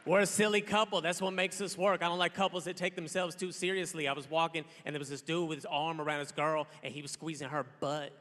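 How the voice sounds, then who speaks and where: A man's voice: on the high side, little pitch movement, quick pace, few pauses, fairly bright tone, big-room sound. A man in his thirties doing a stand-up set, talking bluntly in a loose, irritated, conversational way. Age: 30s. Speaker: stand-up comedian. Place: large theater stage.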